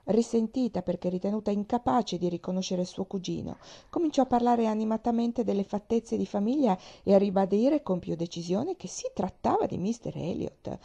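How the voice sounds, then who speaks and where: Dark, gravelly woman reading a novel. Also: mid-range voice, highs cut off. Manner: steady, measured reading. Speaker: audiobook reader.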